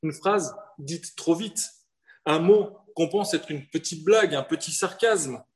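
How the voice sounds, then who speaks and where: A man from southern France preaching a sermon in an earnest manner, with rhetorical questions and slowed-down emphasis. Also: on the high side. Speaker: pastor.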